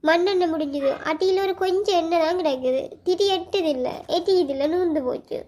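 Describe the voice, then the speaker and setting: A woman with a Sri Lankan Tamil accent voicing a tired, gentle old grandmother who speaks slowly and softly in a cartoon. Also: very high voice, slight background noise. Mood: weary.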